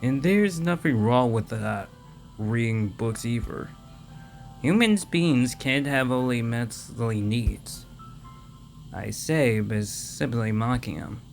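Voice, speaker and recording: A man reading a visual novel aloud with casual commentary, halting and stumbling over words. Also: mid-range voice, lively intonation, creaky, soft background music. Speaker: let's play host reading a visual novel.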